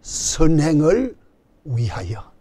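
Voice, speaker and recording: This older man, a pastor speaking Korean with a Gyeongsang accent, preaches very slowly in a somewhat high, slightly rough voice. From a church stage before a banner, using a stand mic in front, he animates his sermon by calling for amens and joking with the congregation.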